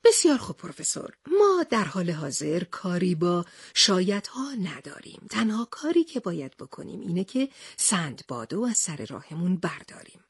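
A woman voicing a calm, level-headed young male reporter who leads the group, speaking steadily in a storybook reading. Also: lowish voice, slightly rough, no room sound, studio quality, full character voice. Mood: firm.

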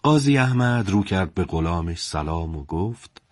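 Male storyteller, low voice, dry close sound, colloquial and steady. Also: no echo. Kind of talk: conversational story narration.

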